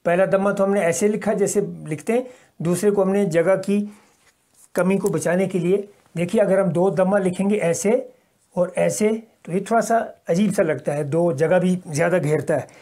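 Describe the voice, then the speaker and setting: Mellow-voiced man teaching patiently. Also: sits high, fairly even intonation. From Kashmir. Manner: patient, step-by-step explaining with repeated examples. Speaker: Arabic teacher. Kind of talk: recorded language lecture.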